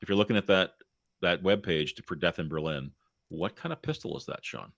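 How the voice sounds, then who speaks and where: A man's voice: deep voice, brisk, creaky, fairly bright tone, no room sound, clean studio sound. A man co-hosting a podcast, chatting casually, who teases his co-host and laughs often. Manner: teasing, playful, laughs often. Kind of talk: casual chat.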